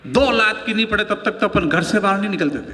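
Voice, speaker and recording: A man's voice: high-pitched, pushed and bright. A middle-aged man performing humorous poetry and storytelling for a live audience, joking with them as he goes. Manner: storytelling, playful, audience banter. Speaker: stand-up poet. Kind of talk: humorous Hindi poetry recital. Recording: long hall reverb.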